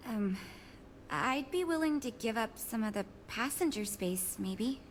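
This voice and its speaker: A woman's voice: on the high side, animated, measured pace, a little hiss or hum. An actress playing a tentative, accommodating woman on a design team in a video game. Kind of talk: scripted game dialogue.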